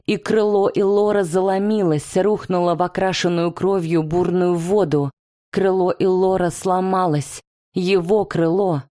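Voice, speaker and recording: A woman's voice: on the low side, warm tone. Woman reading a fantasy audiobook intensely. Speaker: audiobook narrator. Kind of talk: first-person fantasy audiobook narration.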